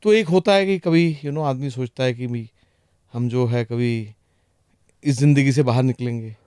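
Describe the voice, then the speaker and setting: A man's voice: mid-range voice, unhurried, dark tone, clear, resonant tone, no room sound, clean studio sound. A middle-aged man from India with an Indian accent, a guest in casual chat, mixing English phrases and often adding "right?" and "you know".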